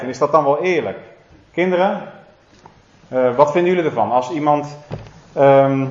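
Preacher in a roomy hall. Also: male voice, a little high. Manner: asks the listeners direct questions, many fillers and restarts. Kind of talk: sermon. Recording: roomy, slightly dull recording.

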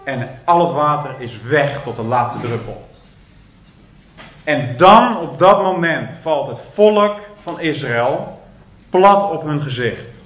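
A man's voice: fairly high pitch, lively intonation, takes it slowly, fairly bright tone. A man preaching a sermon, retelling a Bible story with dramatic emphasis and hesitant fillers. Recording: roomy, dull recording.

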